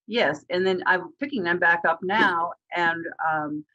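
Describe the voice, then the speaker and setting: A friendly, tentative questioner who pauses with fillers between thoughts. The voice is bright and tense, and the recording sounds dull and lo-fi. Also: mid-range voice. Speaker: questioner in a session.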